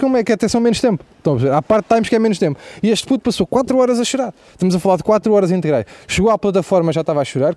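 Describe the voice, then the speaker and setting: A young man with a European Portuguese accent telling a profane, animated comic story as the host of a stand-up comedy show. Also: high-pitched, dry recording.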